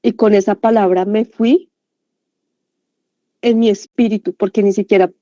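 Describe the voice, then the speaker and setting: Earnest woman telling a testimony, mellow. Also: medium pitch, fairly even intonation, measured pace, dry recording. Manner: earnest storytelling with many fillers and restarts. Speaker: prayer group speaker. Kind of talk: testimony to a prayer group. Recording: dull lo-fi sound.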